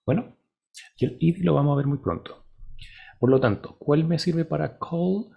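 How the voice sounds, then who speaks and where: A male teacher explaining a lesson patiently, slowly modeling English words and often checking in with his students. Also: a little high, creaky, breathy edge, narrow, tinny audio.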